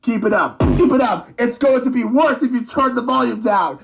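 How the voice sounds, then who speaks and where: Man doing a shrill, furious scolder. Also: normal speed, vocal fry, music in the background. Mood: angry scolding. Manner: yelling threats, swearing. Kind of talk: amateur online drama.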